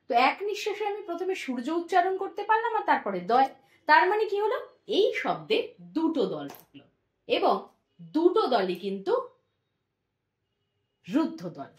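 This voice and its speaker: Woman teacher going over a lesson, high lively voice, echoey room. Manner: patient, drawn-out demonstration of words. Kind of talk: explaining a class lesson.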